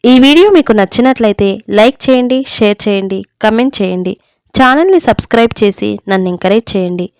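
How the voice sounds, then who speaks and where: A woman narrating a story for her channel, polite and measured, then asking listeners to like and subscribe. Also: a little high, lively intonation, a little mellow, smooth, no echo. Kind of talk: scripted narration.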